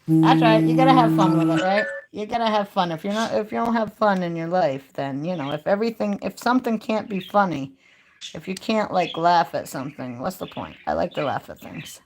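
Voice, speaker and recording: A woman chatting casually on a live stream and talking straight to her viewers in a folksy, easygoing way. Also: fairly low pitch. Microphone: phone.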